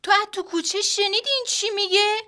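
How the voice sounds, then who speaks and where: Woman as nosy fussy young friend, comic radio drama, very high voice, bright, quick exclamations. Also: fairly even intonation.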